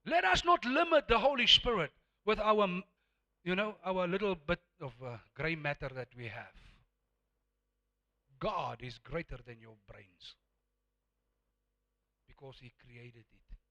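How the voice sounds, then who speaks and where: An Afrikaans-speaking South African man preaches emphatically, leaning on repetition and swinging between soft and loud delivery. His high voice is expressive and unhurried, with frequent pauses.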